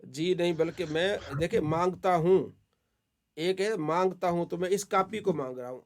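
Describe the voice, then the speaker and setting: A male teacher runs an online grammar lesson over a video call. He guides his students patiently, corrects their answers and praises them often. His voice sits a little high for a man. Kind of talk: online Arabic grammar class.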